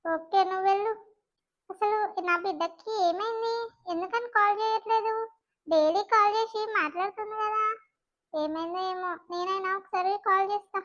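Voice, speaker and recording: A woman's voice: very high voice, normal speed, fairly bright tone, highs cut off. A woman voicing a worried middle-aged village mother with a Telangana accent, fussing over her married daughter. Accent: Telangana Telugu. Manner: fretful, fussing.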